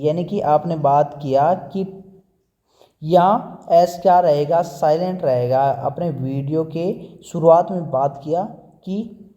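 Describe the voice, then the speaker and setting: A man's voice: a little high, mellow. A man teaching English words in a vocabulary lesson. He asks and answers his own questions and spells each word letter by letter. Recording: dull lo-fi audio in a reverberant room.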